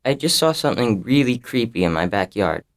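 Woman voicing a scared young boy, low and hushed, storybook. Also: big pitch swings, a little fast. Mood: nervous. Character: nervous young neighbor boy.

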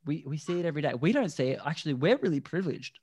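A man, a guest on a podcast, explaining things earnestly and deliberately in a conversational interview. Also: a little high, very animated, darkish tone, slightly rough. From Australia. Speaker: podcast guest, endurance athlete.

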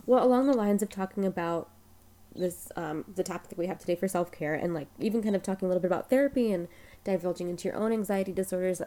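A woman's voice: lowish voice, fast talker, mellow. A woman hosting a podcast, talking in a friendly, loose way with many fillers. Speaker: podcast host. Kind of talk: casual chat.

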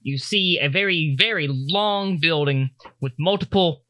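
Male game master, fairly high voice, dry close sound, halting improvised scene-setting for a tabletop game. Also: pushed and bright, dry recording.

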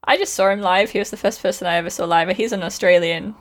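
A woman's voice: mid-range voice, quick pace. A woman from Wales hosting a podcast, chatting casually and joking with friends. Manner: chatty, jokey, laughs often. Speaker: podcast host. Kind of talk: casual group chat.

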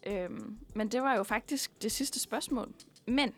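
A woman's voice: fairly high pitch, faint music behind. A young woman in her twenties co-hosting a podcast, asking questions in a friendly, hesitant way. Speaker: podcast co-host. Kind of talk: casual interview chat.

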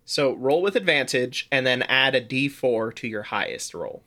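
A man acting as game master, narrating the scene and explaining rules in a measured way. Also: medium pitch, expressive, pushed and bright.

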